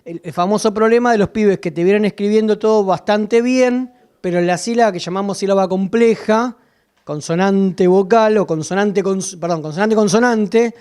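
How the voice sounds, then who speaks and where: A woman's voice: medium pitch, warm tone. A woman with a Rioplatense Spanish accent, lecturing teachers at a literacy workshop, asking questions and answering them herself. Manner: explanatory, asks and answers own questions.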